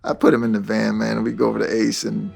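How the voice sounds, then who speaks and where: Gravelly man telling road stories. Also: fairly low pitch, fast, soft background music. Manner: animated, laughing, acts out quoted voices. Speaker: musician guest. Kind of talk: casual anecdotal storytelling.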